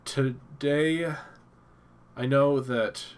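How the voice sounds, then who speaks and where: A man's voice: medium pitch, fairly even intonation, drawn-out words, smooth. A man hosting a casual live stream from his home office, stuffed up and thinking aloud with many fillers and restarts.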